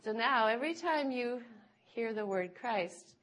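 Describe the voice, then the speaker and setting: A woman's voice: on the high side, expressive, a little slow, a bit bright. A middle-aged woman giving informal Bible teaching to a group, chatty and laughing often, checking in with "right?".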